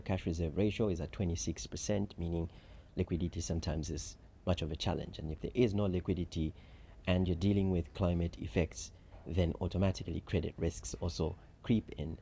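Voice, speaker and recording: A Zambian man with a deep voice and some vocal fry calmly explains things as a guest in a conference interview, where he serves as chief risk officer. He speaks in a measured, organized way, often saying "so" and "um," and there's a little hiss or hum.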